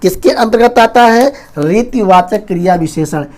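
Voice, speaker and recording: Fast, loud male Hindi teacher. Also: high voice. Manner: fast, rapid-fire delivery; loud, near-shouting teaching. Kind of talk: online exam-prep lesson.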